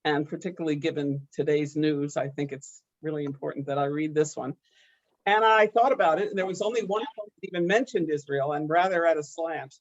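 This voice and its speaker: A woman poet reading her work aloud in a slow, measured, deliberate way over a video call. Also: sits low, muffled recording. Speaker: poet and small-press founder. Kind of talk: poetry reading.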